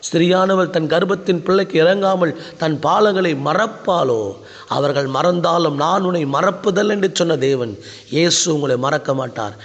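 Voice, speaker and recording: A man's voice: fairly high pitch, moderate pace, in a large hall, muffled recording. A man preaching a sermon and praying as a pastor, with repetitive, pleading exhortation. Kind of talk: sermon and prayer.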